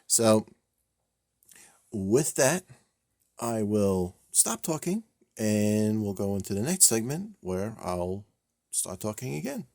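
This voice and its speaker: A man's voice: fairly low pitch, very animated, slow pace, creaky, long pauses, warm tone, dry recording, studio quality. A man hosting a hobby build video, talking casually with fillers and self-deprecating chuckles, a little stiff and robotic in delivery. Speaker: scale model builder and channel host.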